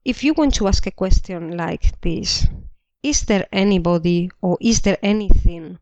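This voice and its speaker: A woman teaching a language lesson, explaining slowly and repeating each example sentence twice. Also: lowish voice, darkish tone, no room sound. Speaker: Spanish teacher. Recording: dull dry lo-fi recording.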